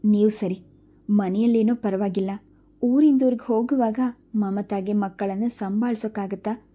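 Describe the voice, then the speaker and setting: A stern stepmother aunt who scolds in a sharp, controlling way, as a woman reader puts her on. The voice is very dark and mellow, at an ordinary middle pitch for a woman. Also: steady tone, moderate pace, close to an everyday voice. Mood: worried.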